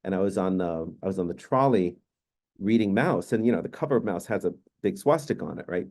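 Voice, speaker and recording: A native Hungarian man in his fifties, low-voiced, leads a virtual panel conversation on a video call. He recounts stories at a relaxed, measured pace.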